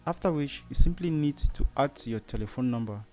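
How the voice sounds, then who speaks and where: A Cameroonian-accented man narrates a step-by-step screen tutorial, often posing a short rhetorical question and answering it himself. His mid-range voice is expressive, brisk, and warm, with soft music in the background.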